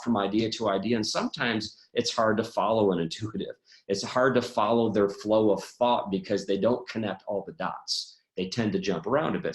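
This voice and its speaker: A man presenting a personality-type webinar, telling personal stories in an animated way with many restarts. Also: lowish voice, reverberant.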